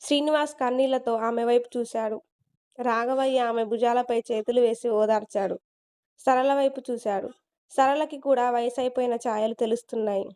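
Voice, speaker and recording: A woman narrates a story in a steady, expressive way. Her voice is fairly high, smooth and very clear. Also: moderate pace.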